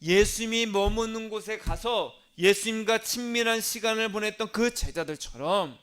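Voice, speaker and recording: A pastor with a high, fairly bright, clear and resonant voice preaches a sermon at a moderate pace. He uses call-and-response, leading the congregation to repeat lines, and at times drops to a whisper.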